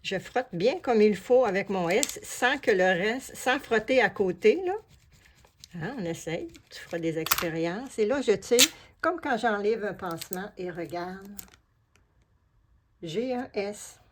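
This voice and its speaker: Femme québécoise, tutoriel de bricolage. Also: female voice, medium pitch, lively intonation, measured pace, noisy background. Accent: Québécois French. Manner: chatty and familiar, explains each step while working. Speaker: collage artist and craft video host. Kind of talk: casual craft tutorial, addressing the viewer.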